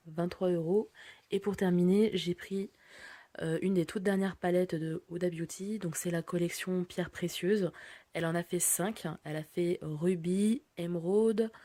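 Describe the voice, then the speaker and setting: A woman's voice: on the low side, mellow. A woman vlogger casually walking through a haul of products and their prices, chatty with frequent fillers. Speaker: beauty vlogger.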